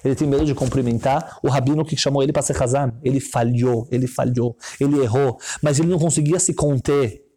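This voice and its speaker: A man preaching a sermon as a story, building his voice up to high emotional peaks and dropping low again, sometimes chanting short prayer lines. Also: steady tone, brisk, hardly any pauses, dark tone.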